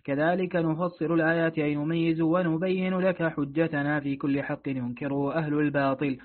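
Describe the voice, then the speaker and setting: Brisk man reading classical commentary, tinny sound. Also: on the high side, little pitch movement. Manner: brisk reading, slows down for quoted verses. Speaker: student reading the text aloud. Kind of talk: rapid recitation of classical Quranic commentary. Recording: tinny phone-like recording.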